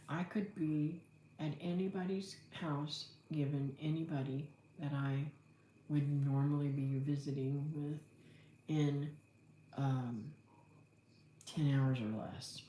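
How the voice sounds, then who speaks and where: A middle-aged homesteader from Florida hosts a casual livestream, reading viewer comments and answering them in a rambling, folksy, think-aloud way. Her voice is low-pitched and steady, and she speaks slowly. The room sounds echoey, with faint background noise.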